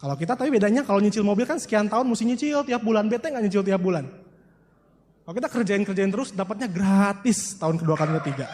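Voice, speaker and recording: Man, high pitch, motivational speaker storytelling to a crowd, long reverb. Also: fast, a little hiss or hum. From West Java, Indonesia. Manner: storytelling, addresses audience directly, animated. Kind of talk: motivational seminar talk.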